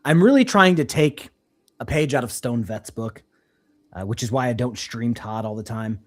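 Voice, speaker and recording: Animated mocking man streamer. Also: medium pitch, normal speed. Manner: mocking, animated, swears freely. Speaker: streamer reacting to a clip. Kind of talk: casual reaction commentary.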